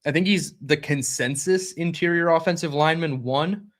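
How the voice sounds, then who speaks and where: A young man hosting a live-streamed sports reaction show, talking fast and conversationally and reading out chat comments. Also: on the high side. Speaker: podcast host.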